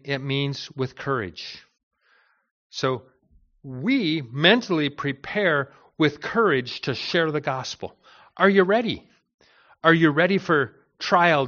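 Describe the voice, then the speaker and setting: Man, pastor, sermon, earnest, rhetorical questions, fairly high voice, dull lo-fi recording. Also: fairly bright tone. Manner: earnest, asks rhetorical questions, frequent "right?".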